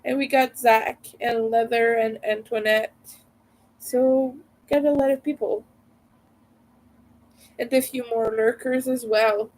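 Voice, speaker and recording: Slow, stuffy-nosed woman chatting on stream. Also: a little high, steady tone, darkish tone, low-quality recording. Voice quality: congested, stuffed-nose nasal voice, as if nose pinched. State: stuffy nose from a cold and allergies. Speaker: livestream host. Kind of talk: casual livestream chat.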